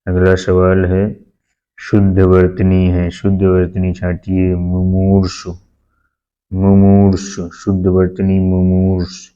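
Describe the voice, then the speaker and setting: Slow, deep-voiced man teaching. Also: completely flat delivery, mellow, clean tone, lo-fi sound. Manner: slow, repeats answers aloud. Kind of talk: exam practice lesson.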